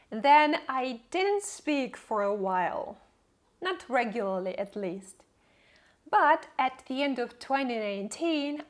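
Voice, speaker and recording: A woman whose first language is not English, telling the story of her English learning in an upbeat, reflective vlog. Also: a little high. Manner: reflective, upbeat, laughs between points. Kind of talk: personal vlog narration.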